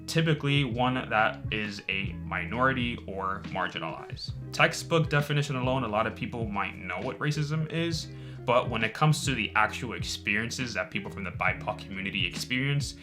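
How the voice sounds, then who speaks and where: A man's voice: fairly low pitch, animated, moderate pace, over music. A young man, a student, introducing his video project in an earnest way. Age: young adult. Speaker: student filmmaker and interviewer.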